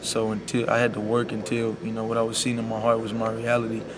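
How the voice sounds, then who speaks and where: A young man, a college basketball player speaking softly and sincerely in a media scrum, leaning on "you know.". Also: fairly low pitch, completely flat delivery, quick pace. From Bahamas. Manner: soft-spoken and heartfelt, full of "you know". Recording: loud background noise.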